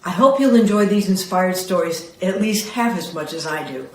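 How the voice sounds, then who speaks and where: A school director reads a scripted welcome with a smooth, even delivery. The voice rings in an echoey room, with faint ambient noise underneath. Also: mid-range voice, moderate pace.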